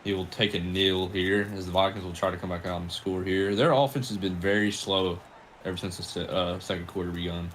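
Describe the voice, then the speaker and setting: Deep-voiced casual football co-commentator. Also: male voice, steady tone, a little fast, fairly bright tone, a little hiss or hum. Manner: casual, hesitant, filler-heavy.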